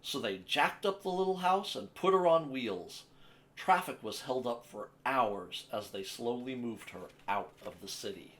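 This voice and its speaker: A man narrating a children's picture book as a storyteller, with an expressive, measured delivery. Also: medium pitch, a little hiss or hum. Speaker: storyteller, host of a story time series.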